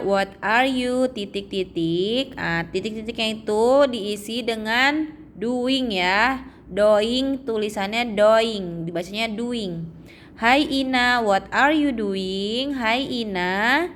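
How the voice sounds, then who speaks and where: Slow-paced woman teacher explaining lessons. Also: medium pitch, fairly bright tone, a little hiss or hum. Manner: slow, drawn-out reading of English phrases, frequent "ya" checks. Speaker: English teacher. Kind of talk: explaining English lesson to children.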